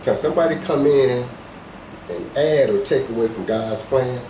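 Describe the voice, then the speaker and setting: A man co-hosting a podcast in casual chat, telling a story in a calm, measured way. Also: mid-range voice, echoey room, far from the mic, a little hiss or hum, low-quality recording. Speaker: podcast co-host.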